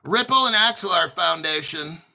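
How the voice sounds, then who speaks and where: A man hosting an informal crypto commentary, talking through articles in an excitable, sarcastic way, swearing and often clearing his throat. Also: sits high, moderate pace, rough recording. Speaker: crypto video host.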